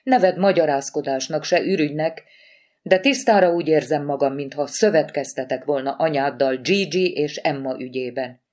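Woman doing audiobook husband, wry doctor, lowered voice, sighing, apologetic. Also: a little mellow, lightly acted. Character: exasperated male forensic pathologist husband, wry.

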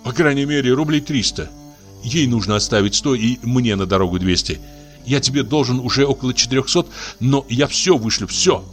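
A man's voice: mid-range voice, expressive, fairly quick, soft background music, voice pushed up, close to an everyday voice. A man reading an audiobook voices a nervous young man pleading with a friend in a trembling voice. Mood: pleading, desperate.

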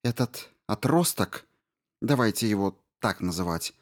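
A man voicing an urgent, commanding female mission doctor in an audiobook, higher than his own voice. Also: animated, unhurried. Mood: urgent brisk. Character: brisk female mission doctor giving orders.

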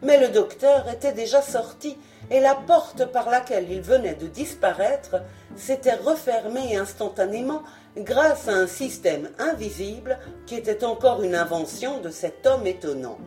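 A woman narrating a novel in an expressive, dramatic audiobook reading. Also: medium pitch, unhurried, soft background music. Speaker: audiobook reader. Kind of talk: scripted narration.

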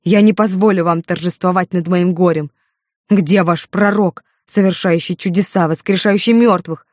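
A woman reading an audiobook, voicing a furious, grief-stricken old father who shouts at the crowd. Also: lowish voice, steady tone, normal speed, no echo, close to an everyday voice. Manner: shouting in anger.

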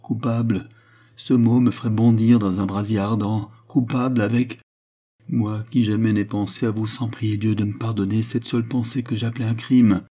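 A man's voice: fairly low pitch, flat delivery, moderate pace, warm tone, close to an everyday voice. A man reading the part of an anguished, proud French queen in an audiobook, speaking with passion and pleading. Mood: impassioned. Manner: impassioned, pleading.

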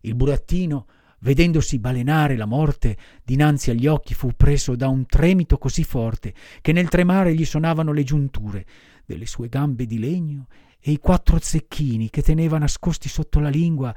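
In dry, studio-quality audio, an audiobook reader gives expressive narration of a classic children's story. His warm voice is on the high side, he keeps a moderate pace, and his delivery is dramatic and varied.

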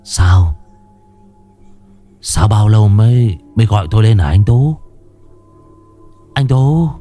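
A man voicing a sharp-tongued female ancestral spirit who speaks shrilly and scolds. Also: on the low side, animated, takes it slowly, soft background music. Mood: scolding.

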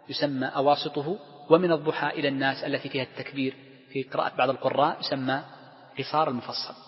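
A man teaches a class on Islamic law at a brisk, rapid clip. He walks through each point and throws rhetorical questions at his students. The sound is muffled and lo-fi, with a long reverb trailing off each phrase as if in a large hall. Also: mid-range voice. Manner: explains step by step, asks the class rhetorical questions. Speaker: Islamic scholar teaching a text.

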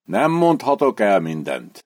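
A man's voice: lowish voice, huge pitch swings, darkish tone. A male narrator voicing a cold, scheming army lieutenant who reports to his colonel in stiff military formality. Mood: pleading, insinuating. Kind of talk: audiobook character voice.

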